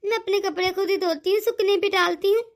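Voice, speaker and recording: A woman voicing a doting, fretful older mother-in-law in an animated cartoon, speaking softly and with worry. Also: extremely high pitch, quick pace, slight background noise. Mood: complaining. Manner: soft-spoken, worried, coaxing.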